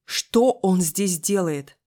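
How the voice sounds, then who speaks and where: An audiobook reader voicing a feisty, sharp-tongued young female law student who talks loudly and indignantly. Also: lowish voice, moderate pace, lightly acted. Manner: loud, snappy, indignant. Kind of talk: audiobook character reading.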